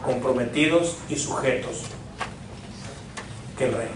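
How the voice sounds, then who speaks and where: A man's voice: medium pitch, slow pace, noisy background. A man, a pastor preaching a sermon with repeated rhetorical questions and call-and-response. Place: church sanctuary. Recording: echoey church from far off.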